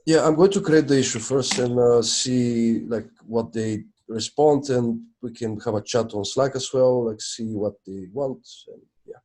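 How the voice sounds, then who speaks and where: A man's voice: mid-range voice, unhurried, darkish tone. A man talking casually on a video call during a technical meeting, thinking aloud as he checks documents. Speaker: project maintainer in a video meeting.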